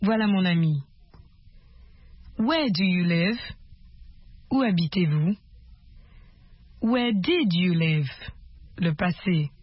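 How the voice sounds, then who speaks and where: Husky-voiced woman teaching on tape. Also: on the low side, expressive, no room sound. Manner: measured, explanatory, models phrases in two languages. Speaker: language course narrator. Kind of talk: instructional narration. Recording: dry, dull lo-fi course tape.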